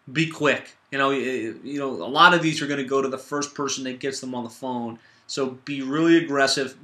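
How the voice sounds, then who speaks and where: Bright-voiced man teaching in an echoey room. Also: medium pitch. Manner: direct, advisory, emphatic with repeated imperatives. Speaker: marketing course presenter. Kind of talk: slide-based training narration.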